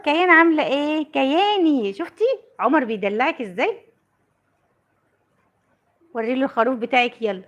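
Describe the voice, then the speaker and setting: A woman's voice: high voice, lively intonation, a little fast, pauses often, a bit bright, highs cut off. A woman with an Egyptian Arabic accent chatting on a call while filming her child, doting and laughing often. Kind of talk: casual family vlog on a phone call.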